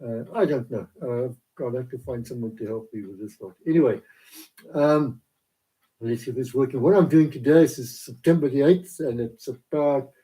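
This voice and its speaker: Speaking into a laptop camera in his small home office, a South African man whose first language is Afrikaans gives a devotional talk that rambles and halts, full of fillers. His voice is mid-range with a dark tone, and the audio is poor.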